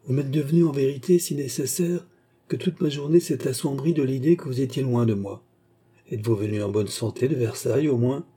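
A man voicing an eager, flattering older cardinal in an audiobook, speaking in a courtly, insistent way. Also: mid-range voice, brisk, husky, pitched above the performer's own voice, natural voice.

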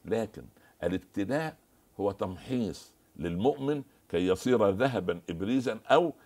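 A man's voice: fairly low pitch, expressive, moderate pace, warm tone. A man as the scholar guest on a TV religious discussion, preaching and quoting scripture and stories.

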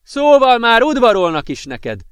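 A man's voice: very high voice, clean tone, no echo, pitched above the performer's own voice, heavily acted. A man voicing an agitated, volatile young man who talks insistently and flares into fury. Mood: furious. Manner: excited, insistent, increasingly furious.

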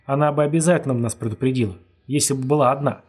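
A man voicing a hot-tempered young male wrestler who yells in rage, with a husky voice. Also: medium pitch, fast talker, lightly acted. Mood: sneering. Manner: yelling in rage.

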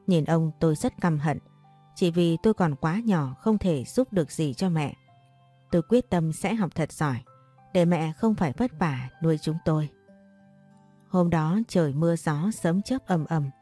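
Mellow-voiced woman narrating a story. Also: fairly low pitch. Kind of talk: first-person story narration.

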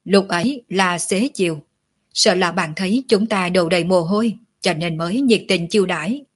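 A woman's voice: fairly low pitch, moderate pace, slightly rough. A woman voicing a squad of male enforcers giving rehearsed answers in unison. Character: group of male law enforcers, rehearsed and complicit.

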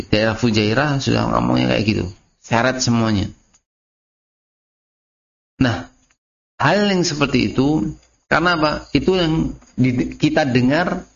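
A religious teacher with an Indonesian accent, medium pitch, vocal fry and a fairly bright tone gives a casual classroom lesson on Arabic grammar. He repeats and explains terms for his students, calling them "Mas" and "antum," in a muffled lo-fi class recording.

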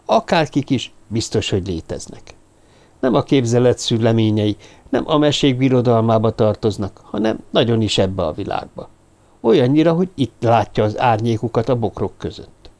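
A man's voice: medium pitch, lively intonation, darkish tone. Man narrating a suspense audiobook. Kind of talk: scripted narration.

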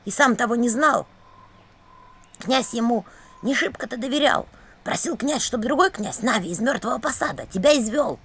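A secretive old house spirit, voiced by a woman reader, murmuring his warnings in a low, confiding hush. His telling still rises and falls with feeling, a storybook creature leaning in to share what he knows. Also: animated, normal speed, slightly rough, exaggerated voice.

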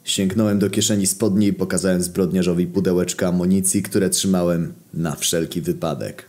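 A man reading a crude comic story aloud in a deadpan, profane narrating manner. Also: deep voice, moderate pace.

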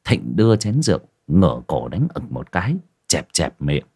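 A man narrating a story in a measured, expressive way. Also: deep voice, breathy edge.

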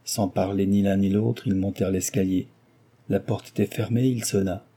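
A man's voice: deep voice, slightly rough. A man steadily reading a classic novel aloud as narrator. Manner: steady and measured. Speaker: audiobook narrator.

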